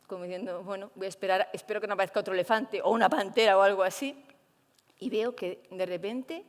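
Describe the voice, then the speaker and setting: Young woman, mid-pitch, lively storyteller who acts out her thoughts, with a long hall reverb. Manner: animated, acts out her own inner thoughts. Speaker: primatologist guest. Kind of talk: storytelling in an interview.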